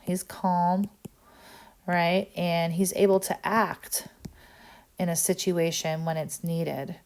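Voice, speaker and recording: A woman teacher explaining a text in a recorded lesson, often pausing with "um" and checking in with "right?". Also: on the low side, flat delivery, a little mellow.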